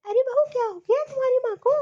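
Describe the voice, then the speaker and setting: A woman voicing a gentle, caring older mother-in-law in a cartoon story, talking softly and fondly. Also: very high-pitched, quick pace. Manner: soft, fond, soothing. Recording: dull lo-fi audio.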